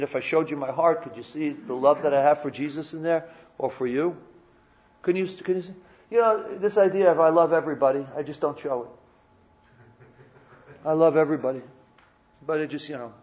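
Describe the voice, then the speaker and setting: Speaking a little fast yet leaving long pauses, a male pastor with a somewhat high, slightly mellow voice preaches in church. His words come with repetitive, stammering restarts, and he keeps questioning the congregation conversationally. The sound is dull.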